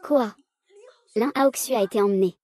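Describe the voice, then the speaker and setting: A woman's voice: fairly high pitch, normal speed, a little mellow, no echo, studio quality. A woman reading the dialogue of a dubbed drama, voicing every part in the same unchanging voice. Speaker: voice-over reader of a drama recap.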